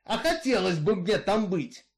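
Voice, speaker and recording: A man's voice: high-pitched, big pitch swings, measured pace, pitched above the performer's own voice, exaggerated voice. Man doing a bitter brooding outlaw. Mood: fervent. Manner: rough folksy drawl, brooding, growling at times. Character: brooding bitter male killer, middle-aged outcast.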